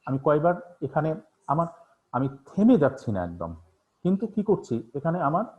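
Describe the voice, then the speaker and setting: A man's voice: a little high, wildly swooping pitch, normal speed. A man teaching an online class, asking questions and answering them himself, with many fillers. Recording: tinny phone-like online class audio.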